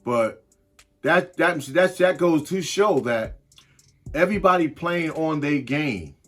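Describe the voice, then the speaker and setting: A man's voice: on the high side, lively intonation, takes it slowly, a bit bright, soft background music. A man co-hosting a casual sports podcast, talking loosely with frequent restarts and slang. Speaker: podcast co-host.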